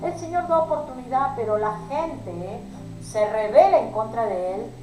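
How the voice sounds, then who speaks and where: A woman's voice: fairly high pitch, expressive, normal speed, dark tone, reverberant, slight background noise, poor audio. A woman preaching a sermon to a women's group, pleading and emotional, addressing her listeners as sisters.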